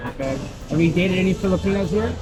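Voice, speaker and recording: A man interviewing passers-by on the street, asking short friendly questions and giving quick affirmations. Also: high-pitched, over loud music, poor audio.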